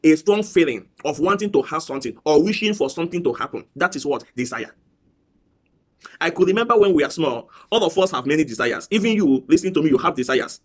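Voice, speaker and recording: A man's voice: on the high side, expressive, quick pace. Preacherly man coaching on business. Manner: repetitive, preacherly emphasis. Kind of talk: motivational business talk.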